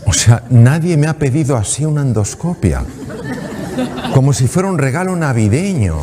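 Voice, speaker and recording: A doctor giving a motivational talk on stage into a microphone, telling a patient anecdote in a lively way and acting out the dialogue. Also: male voice, medium pitch, normal speed, in a large hall, crowd noise, noisy background. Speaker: doctor and speaker.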